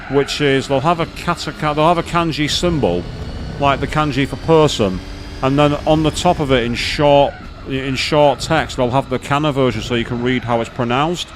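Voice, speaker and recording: A man's voice: mid-range voice, slight background noise. A man chatting casually on a live gaming stream, rambling with many fillers and restarts as he explains things to viewers.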